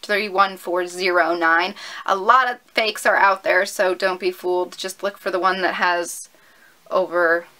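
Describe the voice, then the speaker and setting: A woman's voice: on the low side, fairly even intonation, measured pace, bright, forceful tone, poor audio. A woman of twenty-one, chatty and upbeat, answering viewer questions in a casual vlog filmed at home on a camera mic. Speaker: YouTuber.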